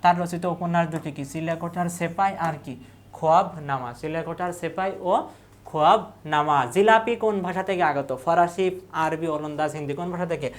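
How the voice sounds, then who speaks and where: A man's voice: on the high side, normal speed. A man with a Bangladeshi Bengali accent, tutoring for university admission in an exam-prep lecture, asking each question and then repeating the answer.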